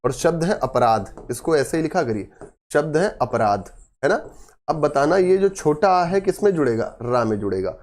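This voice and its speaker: A man's voice: a little high, expressive, moderate pace, darkish tone. A man teaching a grammar lesson for exam students, quizzing his class and answering himself, repeating key words with emphasis.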